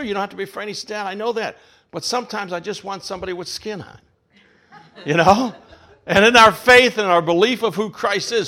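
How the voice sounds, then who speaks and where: A man preaching a sermon from the pulpit, his pitch rising and falling a great deal as he teaches. He asks his listeners question after question and repeats key phrases for weight. His voice sits a little higher than most men's. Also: fairly bright tone. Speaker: pastor.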